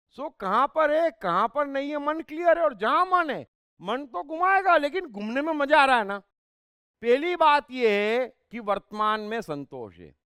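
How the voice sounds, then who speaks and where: A man, a spiritual speaker and life coach, gives an emphatic discourse full of rhetorical questions and sharp asides. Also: very high voice, clear, resonant tone, no room sound, clean studio sound.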